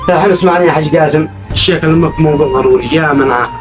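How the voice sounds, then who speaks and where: A man's voice: on the high side, very fast, close to an everyday voice. A young man playing a pleading Yemeni debtor. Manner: pleading, swearing oaths. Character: poor young man pleading over his debt. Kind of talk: web drama acting. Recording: loud music under the dialogue.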